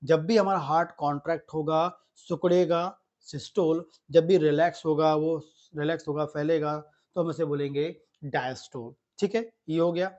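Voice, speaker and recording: A man's voice: on the high side, fairly even intonation, normal speed, hardly any pauses, a little mellow. A male teacher giving a classroom lecture, repeating key terms and asking himself questions before answering them. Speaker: physiology teacher. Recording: slightly muffled lo-fi audio.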